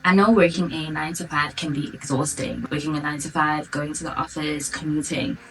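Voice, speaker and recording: Low-voiced South African woman, chatting casually. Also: steady tone, fairly quick, fairly bright tone. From Durban, South Africa. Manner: chatty, informal, girl-talk address to viewers. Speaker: vlogger. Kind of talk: casual Q&A chat to camera. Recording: distant mic, background music.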